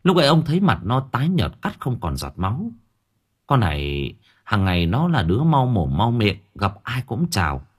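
A man narrating a novel as an audiobook in expressive storytelling style. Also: lowish voice, slightly rough.

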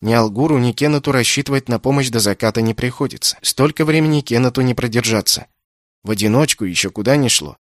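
A male audiobook narrator reads a novel in an even, measured storytelling voice. The recording is dry and close, with no room sound at all, and his pitch sits in the middle of the male range. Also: dry recording. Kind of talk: scripted narration.

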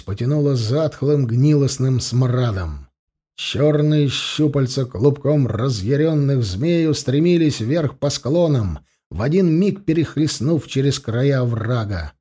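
A man narrating a fantasy audiobook in a measured, dramatic reading. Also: medium pitch, dark tone.

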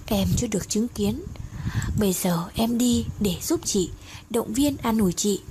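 A woman's voice: medium pitch, a little slow, lightly acted. A woman voicing a loyal younger woman friend, blunt but caring, in an audio story. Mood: tender. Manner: urgent, comforting. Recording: noisy audiobook recording.

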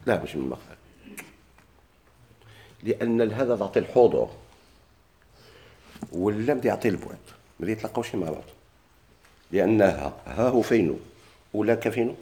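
With a fairly low pitch and a dark tone, this man speaks in a Moroccan Arabic accent while teaching a grammar lesson. He poses questions and answers them himself, often repeating key words as he explains a grammar text in class.

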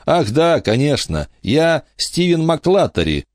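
A man's voice: a little high, very animated, unhurried, darkish tone, no room sound, studio quality, voice pushed up. A man voicing an eager, earnest young father in a storybook reading. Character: grateful young red-haired father.

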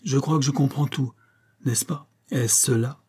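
Devoted, anxious husband in a storybook reading, earnest and pleading, a man reading him in a dark, husky voice. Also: medium pitch, measured pace, pitched above the performer's own voice.

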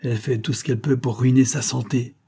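A man's voice: medium pitch, steady tone, fast, dark tone, husky. A man reading an audiobook, voicing a stern elderly woman guardian with a harsh, disapproving tone.

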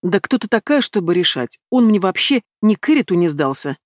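A woman's voice: on the low side, very animated, fairly quick, no echo. A haughty, status-obsessed young woman who talks down to everyone, read by a woman in a fantasy audiobook. The recording is dry and close. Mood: disdainful. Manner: haughty, disdainful.

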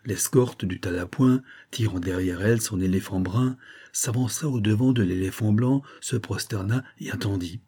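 A man reading an adventure novel aloud as an audiobook narrator, measured and dramatic. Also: lowish voice, dark tone, slightly rough.

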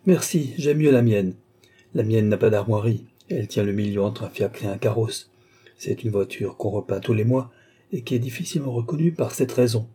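A man's voice: lowish voice, moderate pace, warm tone, slightly rough. A man voicing a shrewd, fussy middle-aged police chief in an audiobook, speaking emphatically. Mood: matter-of-fact.

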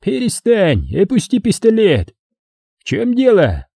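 A brusque male commander barks orders, as a man reading an audiobook puts him on. The voice sits raised and husky over a dark tone. It is recorded close and dry. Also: high-pitched, huge pitch swings, moderate pace, no echo, voice pushed up, exaggerated voice. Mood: commanding. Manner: barking orders.

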